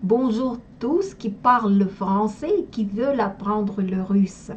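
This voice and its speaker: Very slow Russian-accented woman teacher. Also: mid-range voice, a little mellow, dull audio, slight background noise. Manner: careful, deliberate, pronouncing sounds one by one. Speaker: language teacher. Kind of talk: slow spoken language lesson.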